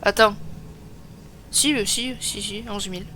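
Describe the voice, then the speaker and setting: A woman's voice: medium pitch, a little slow, sharp tone, slight background noise. A woman giving chatty, self-mocking let's play commentary, thinking aloud as she plays. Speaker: gaming streamer. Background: game music.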